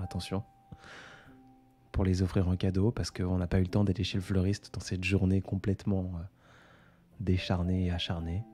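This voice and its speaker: A man talking casually and reflectively on a live stream, unhurried and often pausing with hesitations. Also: sits low, warm tone. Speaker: poet and author on a live stream. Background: faint background music.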